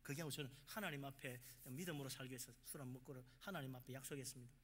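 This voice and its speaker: A man preaching a sermon as pastor of a church, with emphatic swings between loud exhortation and quiet asides. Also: mid-range voice, racing, slight background noise.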